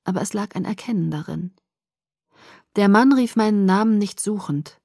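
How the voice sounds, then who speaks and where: A woman narrating a novel in the first person, softly and subdued, at times near a whisper. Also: mid-range voice, moderate pace, gravelly, no room sound, clean studio sound. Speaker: audiobook narrator.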